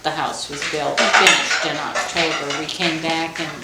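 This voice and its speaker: A woman's voice: low voice, level tone, moderate pace. An older woman, a grandmother, telling family stories in a chatty, emotional way during a casual chat at home. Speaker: grandmother being interviewed. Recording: roomy home recording with loud noise.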